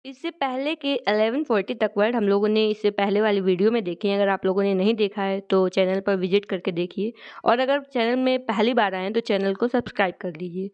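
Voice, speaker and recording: A woman teaches vocabulary for exams with a clear, smooth voice at an ordinary middle pitch. She goes through each word step by step and reads the English definitions slowly. The audio is a little dull and lo-fi. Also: fairly even intonation. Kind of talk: exam vocabulary lesson.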